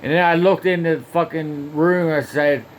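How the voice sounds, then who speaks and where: A man's voice: fairly high pitch, fairly even intonation, moderate pace, slight background noise. A man telling a rambling first-person story, swearing constantly and restarting his sentences again and again. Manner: heavily profane, rambling, with frequent restarts and fillers.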